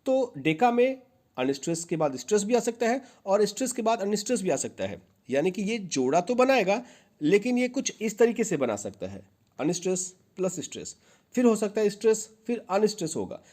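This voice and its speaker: A man's voice: high-pitched, very animated, a little fast, darkish tone. A male teacher giving an exam-prep lecture, patiently explaining and repeating key points, mixing English terms into his Hindi. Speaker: literature teacher.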